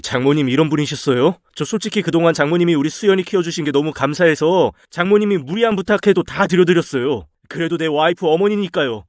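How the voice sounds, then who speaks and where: Man as an exasperated young husband, quick and clipped, dry sound. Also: fairly high pitch, dry recording, natural voice. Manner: brisk, clipped and reproachful. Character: young husband, fed up and firm with his mother-in-law.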